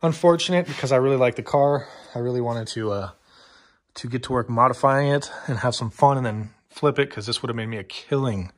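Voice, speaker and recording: A man's voice: mid-range voice, brisk. A young man telling a casual story-time vlog outdoors in the cold, out of breath, rambling with lots of fillers. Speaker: car vlogger.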